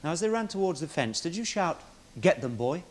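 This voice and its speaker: An actor playing a barrister who cross-examines a witness with pointed questions in a 1970s television courtroom drama. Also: male voice, fairly high pitch, sing-song, fairly quick, a little hiss or hum. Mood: probing.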